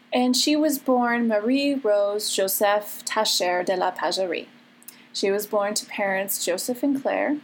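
A woman's voice: on the high side, slight background noise. Breezy Chicago woman podcast host. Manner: gossipy, breezy and conversational. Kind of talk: chatty history podcast.

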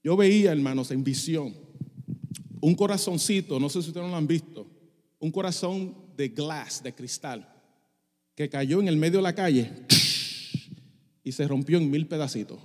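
A man's voice: fairly high pitch, normal speed, long pauses, darkish tone, big-room sound. A middle-aged male pastor preaching a passionate sermon, dropping English phrases into his Spanish. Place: church sanctuary.

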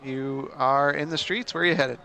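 A man's voice: fairly high pitch, steady tone, normal speed, gravelly, pushed and bright. A man narrating an improvised tabletop role-playing game as game master.

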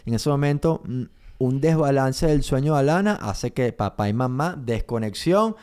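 A man's voice: mid-range voice, lively intonation, normal speed, a little mellow, clean tone. A man in his thirties co-hosting a casual podcast, teasing and joking while defending himself. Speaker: podcast co-host. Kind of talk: casual chat.

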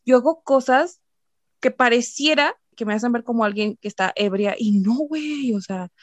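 A woman's voice: a little high, moderate pace, no room sound. Candid Mexican woman, dry close sound. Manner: candid, swears casually. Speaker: podcast host. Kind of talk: casual chat.

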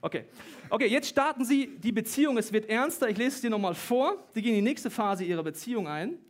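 A man in his thirties preaching a humorous sermon, lively, with joking asides and bursts of fast talk. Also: high-pitched.

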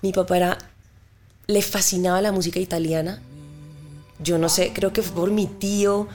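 A woman's voice: lowish voice, normal speed, soft background music. A woman in her thirties from Cali, Colombia, a singer-songwriter chatting as a guest and telling stories with sung syllables. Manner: lively storyteller imitating notes with sung syllables. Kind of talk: casual interview chat.

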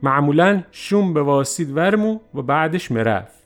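A man narrating a first-person story in a lively, animated way. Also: a little high, soft background music.

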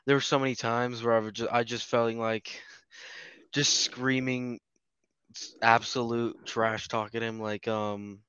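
A man co-hosting a podcast, chatting loosely and circling back with fillers and restarts. His voice sounds smooth and resonant. The recording is dry and a little lo-fi. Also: mid-range voice, little pitch movement, a little slow, fairly bright tone, no echo. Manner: rambling, with many fillers and restarts. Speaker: podcast co-host. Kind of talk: casual chat. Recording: slightly dull lo-fi sound.

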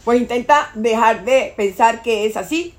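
A woman's voice: fairly high pitch, unhurried, slight background noise. A woman talking insistently in a casual debate, repeating herself to drive points home.

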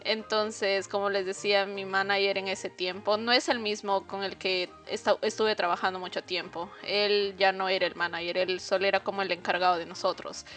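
A woman's voice: medium pitch, moderate pace, few pauses, faint music behind. Chatty woman telling a work story. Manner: animated, lots of fillers and asides to listeners. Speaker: podcast guest. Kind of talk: casual storytelling.

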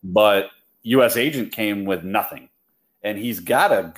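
A man with a fairly low voice chats loosely on a nerdy podcast. He rambles through fillers and restarts, laughing as he goes. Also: measured pace. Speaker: podcast co-host. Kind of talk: casual chat.

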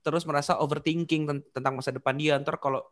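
A man's voice: on the high side, fairly even intonation, fast talker, a bit bright. A man hosting a casual talk, asking a listener's question in a chatty way with restarts. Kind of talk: casual chat.

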